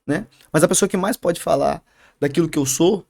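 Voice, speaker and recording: A man with a gravelly, rough-edged voice shares his faith testimony as a podcast guest. He talks in a halting, earnest way, often restarting his sentences and ending them with a questioning tag. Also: a little high, warm tone. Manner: halting, many restarts and "né?" tags. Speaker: podcast guest, barber and youth leader. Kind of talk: emotional testimony in casual interview.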